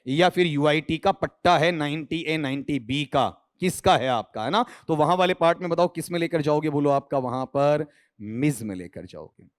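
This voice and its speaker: A man from India leads an online exam-prep English lesson in a fairly high voice. He keeps throwing questions at his students and often answers them himself. He drops in teasing, joking asides along the way. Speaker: English teacher.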